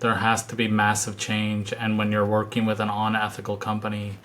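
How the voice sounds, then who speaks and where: A man's voice: on the low side, monotone, a little fast, a bit bright. A man co-hosting a podcast, speaking earnestly and emphatically, often breaking in to agree. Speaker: podcast co-host. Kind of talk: casual chat.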